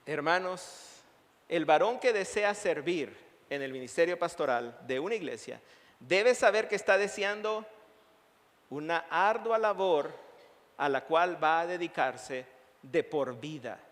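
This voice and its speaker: A man's voice: a little high, lively intonation, a little slow, fairly bright tone. A male pastor preaching a sermon, emphatic, building his points through long repeated lists. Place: church sanctuary. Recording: long reverb of a church hall.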